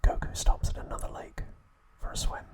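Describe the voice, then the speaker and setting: Short, measured, hushed phrases carry this ASMR trivia recap, whispered by a male host. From beginning to end his voice stays breathy and without voicing.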